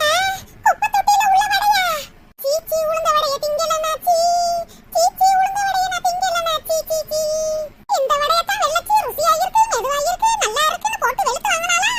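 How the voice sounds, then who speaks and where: Squeaky, nagging old mother-in-law. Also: quick pace, few pauses, music in the background. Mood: disgusted, scolding. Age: older. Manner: scolding, nagging. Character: sharp-tongued old mother-in-law, quarrelsome. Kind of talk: cartoon comedy voice acting. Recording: loud background noise.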